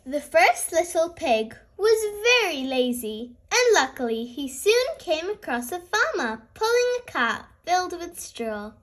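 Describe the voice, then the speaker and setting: A woman reading a storybook to small children in an animated fairy tale opening manner, as a host of story time. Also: very high-pitched, measured pace, hardly any pauses.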